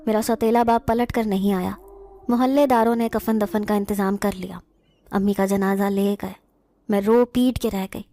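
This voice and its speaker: A woman narrating a first-person horror story in a steady storytelling manner. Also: medium pitch, slight background noise.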